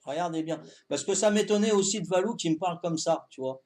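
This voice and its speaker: A man in his fifties with a Corsican accent, chatting calmly to his viewers during a live game stream, tagging his sentences with "hein" and repeating himself. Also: high-pitched. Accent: Corsican French. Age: 50s. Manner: calm, unhurried, talks to chat while playing.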